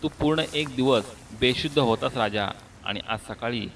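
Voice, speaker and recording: A soft, caring father, voiced by a man. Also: medium pitch, normal speed, distant mic, slight background noise, lightly acted. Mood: soothing. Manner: soft, comforting.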